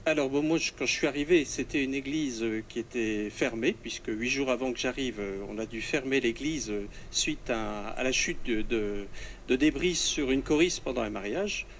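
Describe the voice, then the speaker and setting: A man, a parish priest, answering interview questions earnestly and haltingly inside an echoing church. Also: mid-range voice, a bit bright, a little hiss or hum. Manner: halting, searching for words, earnest. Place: inside a church under renovation.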